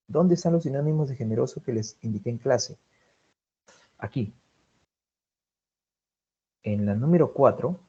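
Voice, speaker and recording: A man's voice: mid-range voice, darkish tone, breathy edge, lo-fi sound. A man with a Peruvian Spanish accent teaching a vocabulary class, listing synonyms and checking in with his students. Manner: drills vocabulary lists, checks in with students often. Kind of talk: online class lecture.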